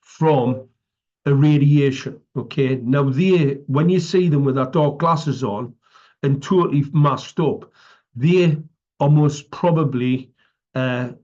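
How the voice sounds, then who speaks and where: An activist with a British accent gives an impromptu public address, preaching emphatically and tagging his statements with "right" and "okay." He has a mid-range, darkish voice and takes it slowly. The audio is dull and lo-fi.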